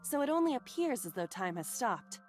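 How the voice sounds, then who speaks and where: Game AI partner: slightly high voice, composed, exact, guiding a detective, faint music underneath. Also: female voice, sing-song, a little mellow. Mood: calm, explanatory. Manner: measured, precise, explanatory. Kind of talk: video game voice acting.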